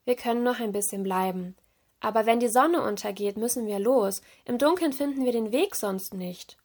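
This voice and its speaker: A woman reading aloud, voicing a brisk, caring older mermaid sister in a slightly raised, urging tone. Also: on the high side, darkish tone, close to an everyday voice. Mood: gentle.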